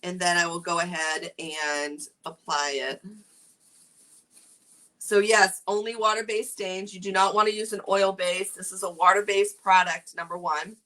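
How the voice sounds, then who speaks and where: A woman's voice: fairly low pitch, level tone, measured pace, pushed and bright, rough recording. A middle-aged woman with a New England accent, casually demonstrating furniture staining and chatting with viewers by name. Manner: chatty, reads viewer comments aloud. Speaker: furniture painting instructor. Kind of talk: casual live craft demo.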